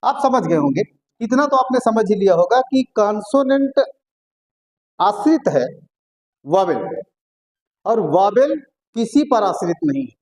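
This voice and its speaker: A man teaching a casual grammar lesson, who repeats words and drawn-out vowel sounds to show them, often checks whether listeners follow, and drops blunt, joking asides. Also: sits high, big pitch swings, darkish tone, low-quality recording. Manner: chatty asides with blunt colloquial humor.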